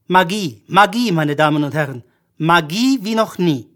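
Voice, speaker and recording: A storyteller voicing a theatrical male stage magician who announces his tricks in a grand, drawn-out way. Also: mid-range voice, expressive, fairly bright tone, lightly acted. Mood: proclaiming. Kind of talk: audiobook character voice.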